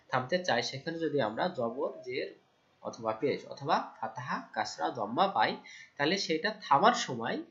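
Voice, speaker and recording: A man teaching Quran recitation rules, asking his own questions, answering them, and reciting verses slowly and loudly. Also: a little high, muffled recording. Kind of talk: Quran tajweed lesson.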